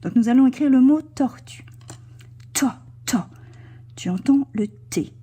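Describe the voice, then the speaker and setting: A woman leads a cursive writing lesson for young children, speaking slowly and guiding each stroke. Her voice is fairly high but very mellow and dark in tone, with a strongly breathy, husky quality. She slips into soft whispers as she writes. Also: animated. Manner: slow, gentle, talks the child through each stroke. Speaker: teacher.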